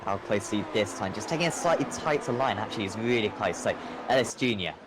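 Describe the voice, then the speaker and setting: Excitable male motorsport commentator over engine noise. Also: fairly low pitch, fast talker. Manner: excitable play-by-play delivery, voice lifting with the action. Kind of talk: live sim racing commentary. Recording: clear engine noise behind. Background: race car engines.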